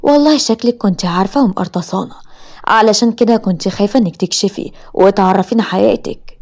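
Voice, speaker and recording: A woman plays a spiteful, sharp-tongued sister-in-law with an Egyptian accent in a narrated story. She fires off her taunts quickly and scornfully. Her voice stays dark and mellow. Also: mid-range voice, close to an everyday voice. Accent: Egyptian Arabic.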